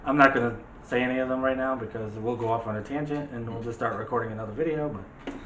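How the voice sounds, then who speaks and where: On a movie discussion show, a male co-host chats casually and jokingly about films, speaking fast in a mid-range voice with a steady tone. The recording has a roomy echo and light background noise.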